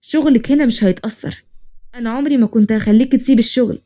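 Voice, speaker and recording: A woman voicing a confident, teasing young male boss, speaking with an Egyptian accent in a quick, storybook reading. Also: fairly high pitch, warm tone, close to an everyday voice. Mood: firm. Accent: Egyptian Arabic. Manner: bargaining, teasing, then commanding.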